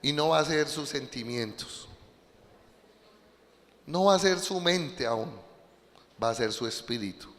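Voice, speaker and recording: A man preaching a sermon as pastor, emphatic and swinging between loud bursts and quiet asides, calling out to his congregation. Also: a little high, animated, measured pace, long pauses, long reverb tail. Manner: addresses the congregation directly, calls out "Aló". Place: church.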